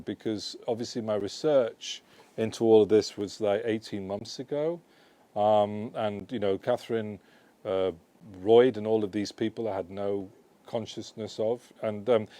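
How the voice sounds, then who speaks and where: An author presenting his book takes audience questions at a launch in a shop, his lowish voice warm in tone. He rambles conversationally and digressively, correcting himself and saying "you know" and "right?" often.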